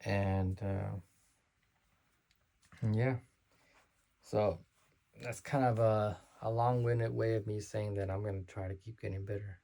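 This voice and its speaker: A man's voice: fairly low pitch, steady tone, takes it slowly, creaky, long pauses, mellow. A man talking unscripted to camera as a vlogger, hesitant and self-conscious, with many restarts and slurred words. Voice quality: slurs his words.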